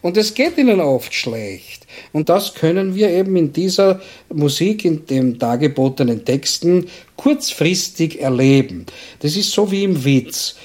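A man, a senior physician calmly explaining life's highs and lows. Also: measured pace, few pauses. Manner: calm, explaining, speeds up at times. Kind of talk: explanatory commentary. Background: faint music.

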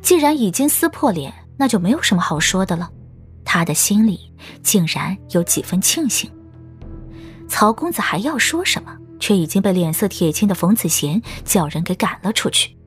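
A woman's voice: mid-range voice, sing-song, moderate pace. Woman audiobook narrator, scripted storytelling, light music in the background.

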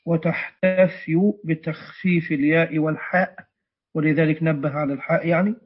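Man, teacher correcting a reading, slightly high, muffled lo-fi sound. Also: fairly even intonation, brisk, slightly rough. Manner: explanatory, with frequent hesitation sounds. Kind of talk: explaining a text in a lesson. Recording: muffled lo-fi recording.

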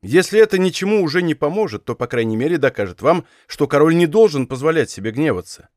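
A man reading a bold, calm musketeer captain in an audiobook, speaking with dry irony. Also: a little high, fast talker, no room sound. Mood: reasoning.

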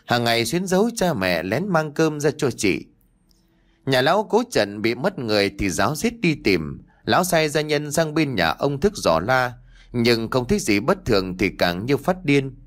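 A man narrating an audiobook story in an expressive, dramatic way. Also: mid-range voice, normal speed.

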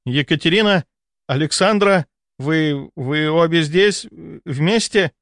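A man's voice: sits high, lively intonation, takes it slowly, dry recording, studio quality, pitched above the performer's own voice. A man doing a wailing young baron. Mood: stunned. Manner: wailing, overwrought. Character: panicked young male baron, melodramatic.

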